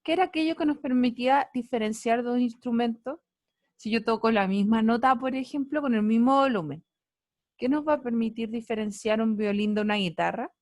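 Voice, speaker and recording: A woman's voice: on the high side, a little fast, darkish tone, no echo, clean studio sound. A woman teacher giving an online physics class, playful and teasing, asking students many questions. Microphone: computer mic on a video call.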